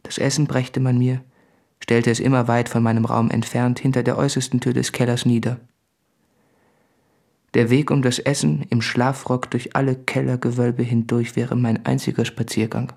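In a radio play, a male actor voices an anguished, self-doubting son, delivering an intimate literary monologue earnestly and deliberately. His mid-range voice is gravelly and darkish, level in tone, with a brooding mood.

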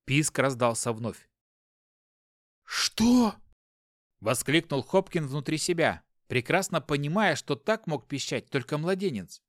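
A man narrating a tense fiction audiobook with expressive, dramatic reading. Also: on the high side, moderate pace, hardly any pauses, dry recording, clean studio sound.

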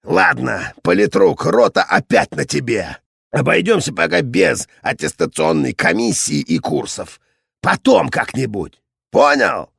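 A man's voice: fairly high pitch, big pitch swings, measured pace, creaky, fairly bright tone, slightly rough, no echo, studio quality, full character voice. A man voicing a male regiment commander with a weak, near-whimpering yet harsh voice, barking orders over a field phone in an audiobook. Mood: curt. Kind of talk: audiobook character voice.

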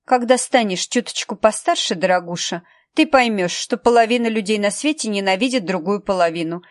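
A woman's voice: medium pitch, brisk, no echo, studio quality, natural voice. A woman voicing a cold, sarcastic female assistant who speaks mockingly with steel in her tone.

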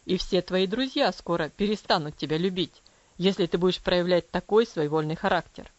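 A woman voicing a strict, cold father who speaks in a low, commanding, measured voice in an audiobook. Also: no echo, muffled recording, lightly acted. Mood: stern, cold. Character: stern cold father, strict then tender.

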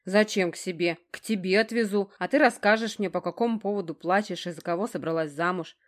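A woman voicing a brash young man who jokes loudly and coaxes. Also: medium pitch, brisk, lightly acted. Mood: coaxing.

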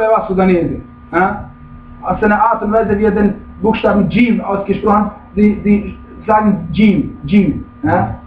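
A male preacher with a high voice gives an emphatic religious lecture, frequently checking in with his listeners through questions. He is far from the mic in an echoey room, and the recording sounds tinny with a little hiss or hum.

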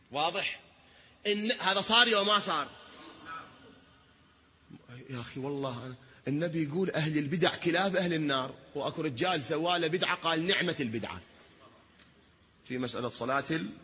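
A man preaching a sermon in an Iraqi accent, asking the listeners rhetorical questions and swinging between hushed tones and shouting. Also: a little high, husky. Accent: Iraqi Arabic. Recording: dull lo-fi recording.

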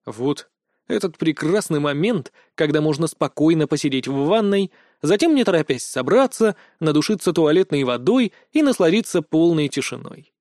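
A man's voice: on the high side, lively intonation, normal speed, a little mellow, no echo. Man narrating an audiobook, dry sardonic. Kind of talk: first-person audiobook narration.

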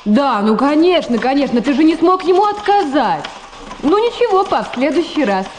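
In a Soviet radio drama, an actress voices the young adult daughter of a prosecutor, sounding wry, teasing and gently reproachful. Her high voice swings widely in pitch at a normal speed, with slight background noise in the recording.

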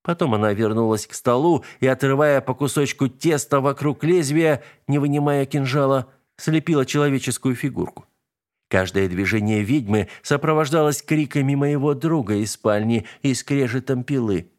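A man reading a story aloud as narrator, in a steady, expressive manner. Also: medium pitch, normal speed. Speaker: audiobook narrator.

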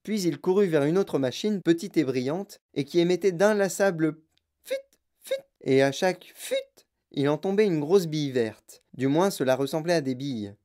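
An audiobook narrator reading a children's story in a calm, even, descriptive voice. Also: medium pitch, moderate pace.

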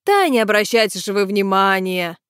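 A man's voice: sits high, expressive, moderate pace, fairly bright tone, clean tone, no echo, clean studio sound. A woman reading voicing a good-natured, folksy male taxi driver. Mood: jovial. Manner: easygoing, folksy.

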